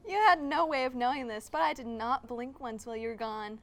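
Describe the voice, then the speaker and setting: A woman's voice: on the high side, fairly quick, soft background music, natural voice. A young woman playing an eccentric, theatrical co-host of an occult comedy talk show. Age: young adult. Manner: theatrical, odd. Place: TV studio set.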